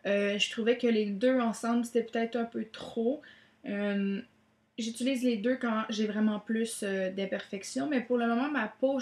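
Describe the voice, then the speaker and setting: A young woman talks through her makeup routine in a chatty way, often pausing on "donc, euh". Her voice sits a little high. The sound is roomy, with a clear echo off the walls. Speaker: beauty vlogger. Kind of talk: makeup tutorial.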